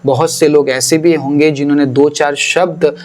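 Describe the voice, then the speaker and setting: A man's voice: on the high side, level tone, moderate pace, darkish tone. Earnest Hindi-speaking male pastor. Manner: earnest, explanatory, mixes English phrases into Hindi; repeats phrases for emphasis. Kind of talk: podcast teaching.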